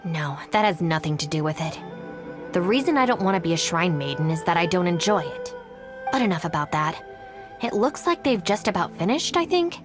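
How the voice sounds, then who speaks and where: A woman's voice: on the low side, sing-song, brisk, over music. A woman voicing a cool, practical young woman in a video game, with a dry, businesslike, matter-of-fact delivery. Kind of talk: English game voice acting.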